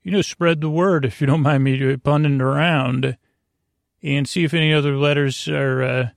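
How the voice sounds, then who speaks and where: Hosting what sounds like a bedtime podcast, a man with a slightly high, gravelly and creaky voice keeps a steady tone, speaking close and dry with no room sound. He drifts haltingly through mumbly, whimsical tangents designed to send listeners off to sleep.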